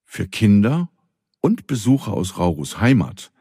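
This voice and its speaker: A man reads a children's story calmly and speaks to the listener directly. His voice is very deep, mellow and husky. It is recorded close and dry. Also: measured pace, no room sound. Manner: calm, addresses the listener. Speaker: narrator.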